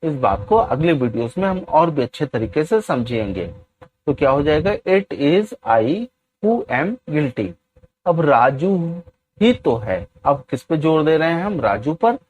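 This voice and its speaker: A man teaching an English grammar lesson, often asking his viewers questions and slowly dictating example sentences. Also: a little high, very animated, darkish tone. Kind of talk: classroom-style grammar lesson.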